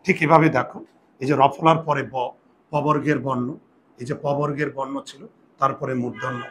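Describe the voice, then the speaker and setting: A male teacher at a medium pitch gives a grammar lesson in a patient, steady way. He repeats each rule and asks his students questions before answering them himself. A faint hiss and some room ambience sit under his voice. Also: brisk.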